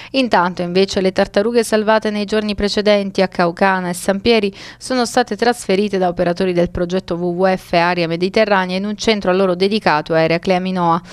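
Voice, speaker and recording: A woman reading regional news in a formal, even delivery. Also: mid-range voice, smooth, no echo. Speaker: news reader. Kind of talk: scripted news narration.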